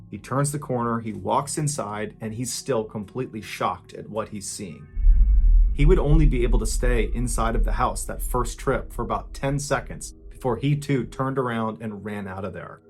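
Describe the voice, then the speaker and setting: A man's voice: moderate pace, faint music behind. Suspenseful male true-crime storyteller. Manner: suspenseful, swells louder at tense moments and drops low at grim ones. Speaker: podcast host and storyteller. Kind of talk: dramatic true-crime narration.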